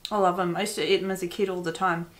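A woman's voice: on the low side, little pitch movement, very fast. Chatty Australian woman tasting snacks. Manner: chatty, talks while chewing. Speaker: host. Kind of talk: casual snack-tasting chat.

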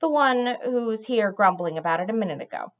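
A woman's voice: medium pitch, animated, brisk, highs cut off, natural voice. Woman doing a dry, blunt gray tomcat.

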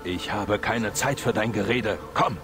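A man's voice: fairly low pitch, unhurried, music in the background. An actor playing a stern male warrior who gives curt, commanding orders, heard faintly in game audio. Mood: grim.

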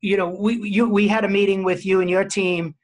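A man's voice: sits high, flat delivery, fairly quick. A middle-aged man hosting a town hall over a video call from his office, talking in a conversational, emphatic way. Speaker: host, industry association head. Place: office, indoors. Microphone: video call webcam.

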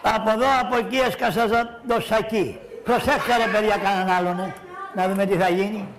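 A man playing a cheeky, loud puppet-show trickster. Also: sits high, fairly even intonation. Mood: rowdy. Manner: loud, bantering, teasing, addresses children in audience. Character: cheeky scheming poor man, swing-ride hawker. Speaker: shadow puppeteer. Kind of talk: live Greek shadow-puppet theatre. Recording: live show with audience noise. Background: audience of children.

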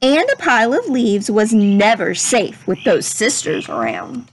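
Under a covered wooden pavilion outdoors, a young adult woman reads a children's picture book aloud and chats with young viewers in a simple, instructive way. Her voice is on the high side with big pitch swings and an unhurried pace, and there's a little hiss or hum.

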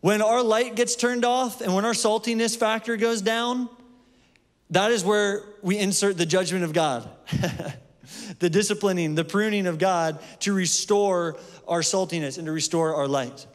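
A man's voice: sits high, fairly even intonation, measured pace. A man preaching a sermon in a church in a loose, conversational way, with fillers and restarts. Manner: conversational, with fillers and self-corrections. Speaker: pastor. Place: church sanctuary. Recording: long hall reverb.

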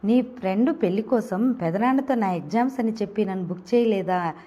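A woman voicing an assertive young woman student who fires back quick comebacks in an audio novel. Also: mid-range voice, dark tone, muffled recording, lightly acted.

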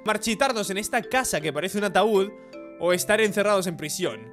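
A man reading the lines of a weary, anxious young brother in a game, in a flat, tired way. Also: sits high, fairly quick, soft background music. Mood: gloomy.

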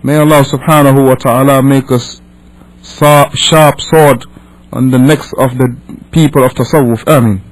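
A Senegalese imam leads a religious class in English, which is not his first language, reading passages and explaining them with emphatic repetition, rephrasing, and rhetorical questions. His voice is medium-pitched and steady at a normal speed, and the recording quality is low.

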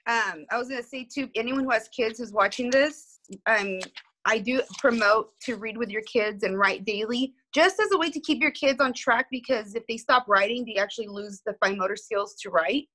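Woman, business owner, casual chat; emotional storyteller with a raised, sharp, bright tone. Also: on the high side, normal speed, poor audio. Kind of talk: casual conversation.

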